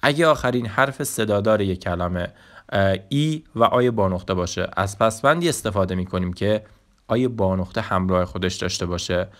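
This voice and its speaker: A man teaching a language lesson, patiently repeating example sounds slowly and clearly. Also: on the low side, a bit bright.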